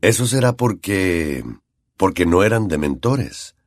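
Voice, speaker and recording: A man voicing a calm, gentle male teacher in an audiobook, speaking low and measured. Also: no room sound, studio quality.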